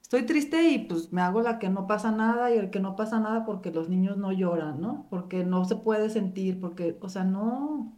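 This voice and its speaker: A woman chatting casually and telling a funny anecdote with expressive quoted voices. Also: mid-range voice, moderate pace, hardly any pauses. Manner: laughing, expressive anecdote teller. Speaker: podcast co-host. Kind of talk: casual group chat.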